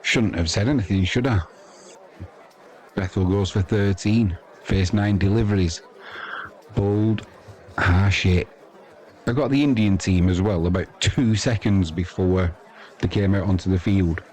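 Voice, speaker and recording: A man with a low, slightly mellow voice delivers relaxed, chatty live cricket commentary at a measured pace, pausing often. He talks straight to viewers and drops in dry, informal asides. Sports crowd noise sits behind his voice throughout.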